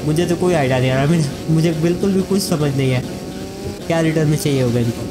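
A man's voice: a little high, fast talker, background noise. A man giving casual let's-play commentary, chatting to his viewers as friends. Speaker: gaming YouTuber.

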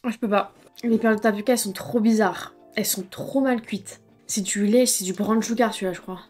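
A woman's voice: mid-range voice, steady tone, fairly quick, a little mellow, husky, faint music behind. A woman vlogging casually to a phone camera, chatty and slangy, with a blocked nose and congested throat. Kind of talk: casual vlog chat.

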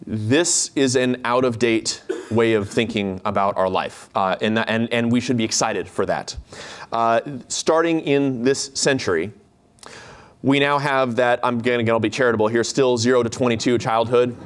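A man's voice: medium pitch, fairly even intonation, normal speed, smooth. A man giving a keynote lecture on a hall stage, chatty and jokey, with many fillers and restarts. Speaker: keynote speaker, instructor.

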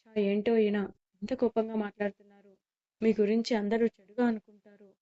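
A woman's voice: a little high, flat delivery, fairly quick, mellow, lightly acted. A woman voicing a resentful middle-aged woman muttering irritably to herself, on a slightly muffled recording. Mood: irritated.

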